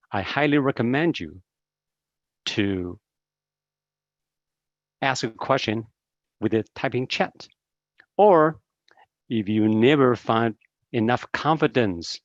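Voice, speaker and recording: A seminar speaker from Taiwan, a man in his fifties, offers an upbeat online talk via video call, hesitating often with fillers. He speaks at medium pitch, and the audio is dry and dull with no room sound.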